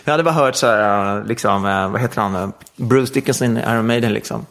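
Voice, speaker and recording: A middle-aged man, a musician guest, chatting casually in an interview with lots of fillers and rambling asides. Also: creaky. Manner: rambling, many fillers, animated pitch jumps.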